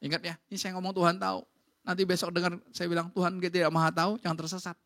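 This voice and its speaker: A woman pastor, preaching in a lively, colloquial way and acting out quotes. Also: fairly low pitch, quick pace. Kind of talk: sermon. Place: church.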